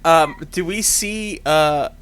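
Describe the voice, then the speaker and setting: A man's voice: on the high side, slow, fairly bright tone. A man playing a tabletop game, chatting casually in a hesitant, joking way. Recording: faint background noise.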